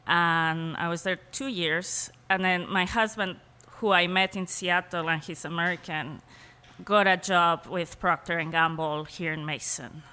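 A woman from Spain with a Spanish accent, a guest speaking thoughtfully in a relaxed interview and laughing easily. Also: fairly low pitch, measured pace, smooth, long reverb tail. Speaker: cheesemaker guest. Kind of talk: casual interview conversation.

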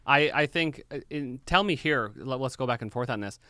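A young man telling a story in casual chat, animated and swearing freely. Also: medium pitch, normal speed, clear, resonant tone, dry recording, clean studio sound. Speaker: podcast guest.

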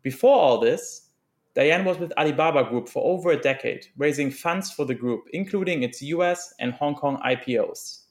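A man's voice: fairly high pitch, normal speed. A man hosting a personal finance podcast, interviewing a guest with frequent ums and uhs. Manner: hesitant, many fillers. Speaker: podcast host.

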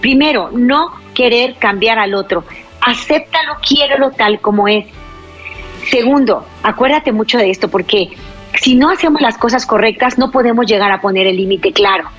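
A woman giving relationship advice to women, firm and slowing down to stress key points. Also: fairly high pitch, fairly bright tone, lo-fi sound, faint music behind.

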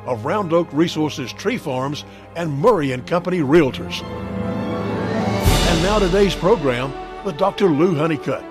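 A man's voice: on the high side, lively intonation, unhurried. Male radio announcer over music. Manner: formal announcing. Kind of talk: scripted program introduction.

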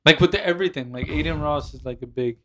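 A man's voice: on the high side, quick pace, sharp tone. A man co-hosting a podcast, chatting casually and rambling with lots of "like" fillers. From India. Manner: laid-back, rambling, filler-heavy with "like". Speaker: podcast co-host. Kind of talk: casual chat.

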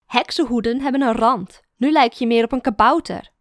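A woman voicing a blunt, bossy young female art student who talks in a direct, teasing way, in a gravelly voice. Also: fairly high pitch, lively intonation, a little fast, no echo, studio quality.

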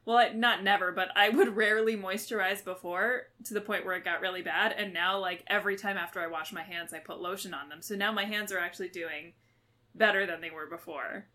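A woman with a bright, mid-pitched voice chats on a podcast and reflects on her own habits. She talks in a relaxed, easy way. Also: a little fast. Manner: chatty, reflective. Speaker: podcast co-host. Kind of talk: casual chat.

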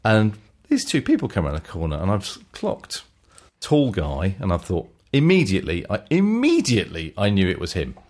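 A man's voice: low voice, wildly swooping pitch, moderate pace, darkish tone. A man chatting on a podcast, teasing and telling anecdotes. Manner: teasing, storytelling. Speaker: podcast co-host. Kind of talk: casual chat.

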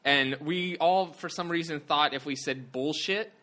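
Young male co-host, bright voice, chatty storyteller, quick to laugh. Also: on the high side. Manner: laughing often, rambling with restarts. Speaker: podcast co-host. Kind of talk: casual chat, storytelling.

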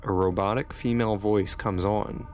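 A man narrating a first-person scripted horror story in a steady, suspenseful way. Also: lowish voice, normal speed. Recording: music bed behind narration.

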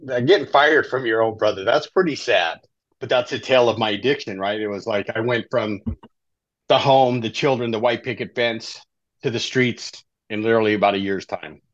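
A man's voice: fairly low pitch, fairly quick, fairly bright tone, no room sound. A middle-aged man from Southern California, a life coach telling his story as a guest in an interview, in a conversational way that keeps tagging lines with "right?". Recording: dull, slightly lo-fi dry audio.

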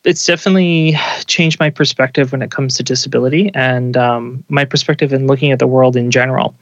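A man's voice: mid-range voice, steady tone, brisk, no echo, dull audio. A man in his thirties, a father answering interview questions in an earnest, reflective way with frequent restarts. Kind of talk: conversational interview.

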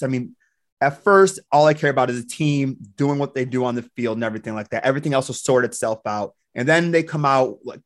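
A man talking casually as a football fan on a podcast panel. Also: medium pitch. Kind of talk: casual sports chat.

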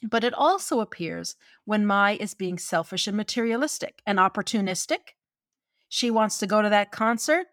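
A woman from gives conversational opinion commentary on film, expressive and opinionated, with wry asides. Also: medium pitch, no echo, studio quality. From Newfoundland, Canada.

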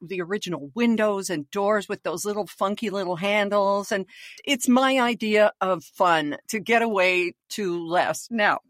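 A woman's voice: mid-range voice, measured pace, no echo, clean studio sound. A woman co-hosting a podcast, chatting casually and laughing often as she tells stories. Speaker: podcast co-host. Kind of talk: casual chat.

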